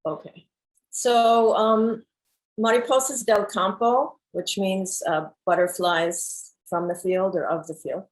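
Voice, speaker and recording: A woman filmmaker introducing clips from her documentary on a video call, pausing often with fillers. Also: medium pitch, steady tone, poor audio. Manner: hesitant, many fillers. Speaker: filmmaker presenting her work. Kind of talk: hesitant art-talk presentation.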